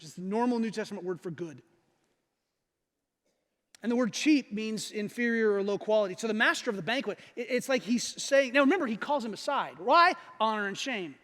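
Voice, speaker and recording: A man in his forties preaches a sermon to his congregation in a casual, joking way, acting out the people in his stories. His voice sits very high for a man. It rings out with a long echo through a church hall. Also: a bit bright. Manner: conversational, jokey, acts out voices of characters. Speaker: pastor. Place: church sanctuary.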